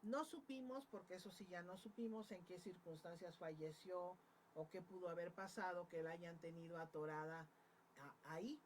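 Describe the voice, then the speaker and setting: A woman telling a family ghost story in a casual, animated way, slipping into the voices of her relatives. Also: lowish voice, normal speed, a little hiss or hum, poor audio. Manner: animated retelling, voices family members in quotes.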